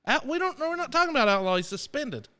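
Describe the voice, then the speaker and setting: A man's voice: very high-pitched, sing-song, fast talker, sharp tone. A man co-hosting a live radio podcast, joking, swearing freely and laughing often. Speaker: podcast co-host. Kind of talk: casual live radio banter.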